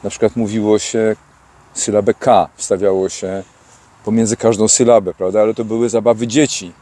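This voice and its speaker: Male host-interviewer, warm dark tone, calm and reflective delivery, outdoors. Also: on the low side. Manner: measured, reflective questioning. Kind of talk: interview questions. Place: outdoors by a street.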